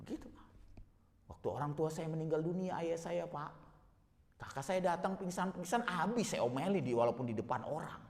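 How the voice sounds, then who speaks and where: A man's voice: a little high, brisk. Man preaching in a reverberant hall. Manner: emotional, swings from soft murmurs to loud exhortation. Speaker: Islamic preacher. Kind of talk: sermon.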